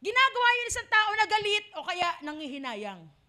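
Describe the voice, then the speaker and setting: A woman pastor with a Filipino accent preaches a sermon in a very high, very animated, sharp voice at a brisk clip. She is dramatic, acting out the cries of the lost.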